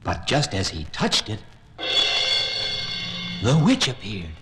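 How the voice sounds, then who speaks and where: Lively man narrating a fairy tale. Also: fairly low pitch, takes it slowly, poor audio. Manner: expressive, storytelling. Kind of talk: scripted storybook narration. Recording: vintage children's record with faint music.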